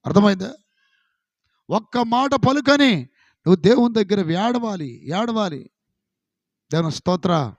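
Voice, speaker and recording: A man with a Telugu accent preaching a sermon, repeating his phrases, swelling to shouts and then dropping low. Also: expressive, unhurried, pauses often. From India. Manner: impassioned, repetitive preaching with rising shouts and sudden drops. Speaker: pastor. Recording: dull lo-fi recording in a long-reverb hall.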